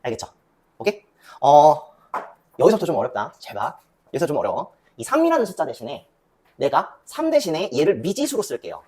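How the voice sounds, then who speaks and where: A woman's voice: deep voice, brisk. Young woman math teacher, rising and falling voice, quizzes and answers herself. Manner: lively, asks and answers her own questions. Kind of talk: classroom lecture.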